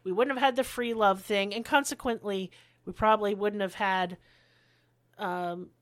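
A woman's voice: medium pitch, fairly even intonation, normal speed, fairly bright tone. A woman hosting a podcast, telling history in a blunt, sarcastic way and swearing freely. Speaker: podcast host. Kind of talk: casual history chat.

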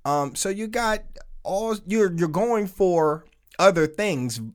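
A man's voice: sits high, lively intonation, slow. Laid-back man co-hosting a chatty podcast. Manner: loose, laid-back and chatty, with casual swearing. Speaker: podcast co-host. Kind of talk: casual chat. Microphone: podcast mic, streamed live.

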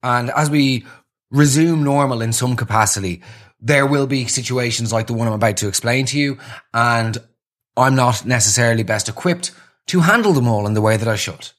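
A man talks alone into his podcast mic, casually rambling through a self-deprecating story. His voice sits in a middle pitch and leaps higher when he gets animated. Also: moderate pace. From Ireland. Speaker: podcast host. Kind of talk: casual solo podcast monologue.

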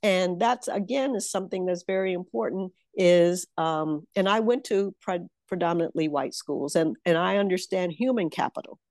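A woman's voice: fairly low pitch, normal speed, few pauses, darkish tone, no room sound, studio quality. A woman working as a political consultant, telling stories in an interview with a confident, emphatic manner and easy laughter. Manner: confident, emphatic storyteller who laughs easily. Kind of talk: conversational interview.

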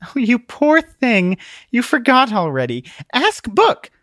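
A man voicing Love, a mocking young magical girl, in a shrill, high voice. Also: wildly swooping pitch, takes it slowly, a bit bright, no echo, clean studio sound, full character voice. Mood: strained.

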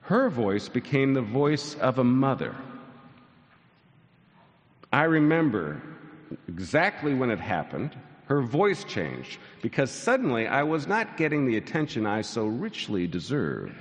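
A pastor in his sixties preaches a sermon in a large church sanctuary, his mid-range voice swinging widely in pitch at a slightly slow pace. He tells stories with dry, self-mocking humor and builds to soaring lines, with long church hall reverb on the recording.

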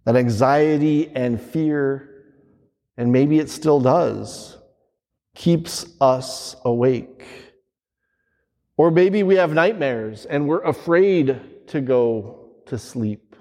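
Slow priest in cathedral echo. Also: male voice, mid-range voice, mellow. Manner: solemn, measured delivery with deliberate pauses. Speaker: priest reading the Gospel and preaching. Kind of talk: liturgical reading and homily. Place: large reverberant church. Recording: long cathedral echo, reverberant church hall.

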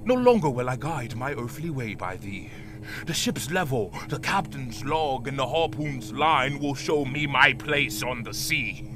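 A man's voice: medium pitch, animated, a little slow, lightly acted. Fierce, obsessed old sea captain, acted by a man. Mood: obsessed ranting. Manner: imperious, grandiloquent, erupting from brooding mutters into roars. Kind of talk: theatrical audio drama acting with archaic speech.

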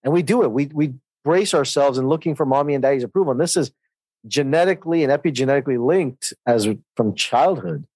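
A middle-aged man hosting a podcast, telling a relaxed personal story in casual conversation. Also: mid-range voice, fast, dry recording, poor audio. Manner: easygoing anecdotal storyteller. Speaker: podcast host.

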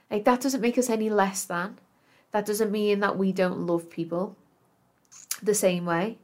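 A woman's voice: medium pitch, darkish tone. A woman podcast host speaking in an earnest, affirming self-help influencer manner, reflecting aloud and addressing the listener directly.

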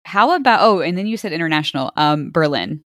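A woman's voice: low voice, lively intonation, fast, no room sound, clean studio sound. A woman co-hosting a podcast, chatting casually about travel with many filler words. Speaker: podcast co-host. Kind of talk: casual chat.

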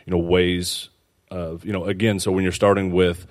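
Very low, even-toned man, tentative. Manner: halting, rambling, tentative. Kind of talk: informal spiritual teaching discussion.

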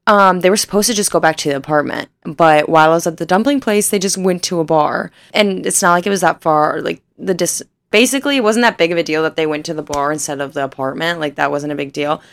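A woman's voice: sits low, fast, gravelly, few pauses, no echo. A young woman in her twenties telling a rambling, self-deprecating story in casual chat, laughing often and swearing freely.

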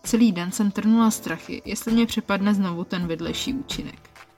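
A woman telling a first-person erotic story in a calm, intimate storytelling manner. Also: medium pitch, faint music behind.

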